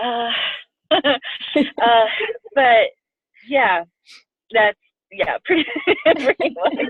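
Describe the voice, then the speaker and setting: A woman's voice: mid-range voice, no echo. A Puerto Rican woman, a coaching client, talking effusively and sometimes tearfully in a video-call interview. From Puerto Rico. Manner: effusive, gushing, tearful at times. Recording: tinny phone-like line.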